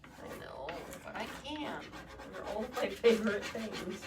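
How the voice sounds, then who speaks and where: A woman's voice: medium pitch, big pitch swings, unhurried. A woman co-hosting a painting demo, bantering in an easygoing way. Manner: easygoing, laughs along. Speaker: co-host. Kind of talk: casual banter. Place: paint room. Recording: distant mic, clear background noise.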